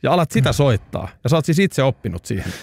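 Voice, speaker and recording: A man's voice: medium pitch, very animated, gravelly, a little mellow, husky, dry recording, clean studio sound. A Finnish man hosting a talk show, asking probing follow-up questions. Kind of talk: interviewing.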